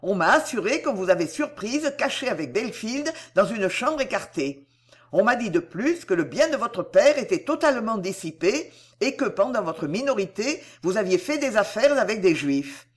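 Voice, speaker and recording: A proud young gentleman pleads and declaims in formal, agitated phrases, read by a woman. The storybook voice rises and falls freely, with middling pitch. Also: sing-song, moderate pace, husky. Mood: indignant. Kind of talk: audiobook character reading.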